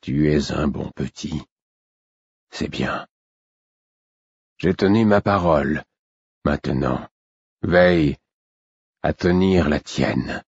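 Male reader doing a worn-out old king, very low and husky, slow faint breathy words, muffled dull sound. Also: a little mellow, no echo, full character voice. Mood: weary, fond. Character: frail dying old king, weary and fond.

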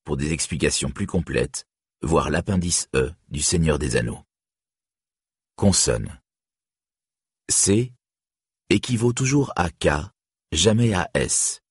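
A man reading an audiobook pronunciation guide with careful, deliberate enunciation, on a close studio mic. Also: a bass voice, lively intonation, husky, no echo. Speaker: audiobook narrator.

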